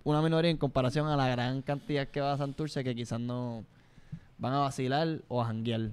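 A man's voice: mid-range voice, steady tone, a little fast, a little mellow, clear, resonant tone. A young man with a Puerto Rican Spanish accent, co-hosting a podcast in joking, casual chat, mixing English words into his Spanish. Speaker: podcast co-host.

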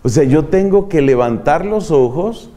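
An older man, a friar preaching a sermon in an animated, dramatic way that acts out examples. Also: a little high, a little slow. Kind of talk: sermon to religious.

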